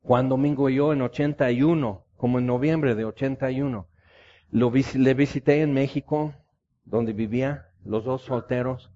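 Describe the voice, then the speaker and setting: A man's voice: medium pitch, moderate pace, dark tone. A man preaching a sermon, telling stories with passion. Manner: impassioned storytelling preaching. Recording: dull lo-fi recording.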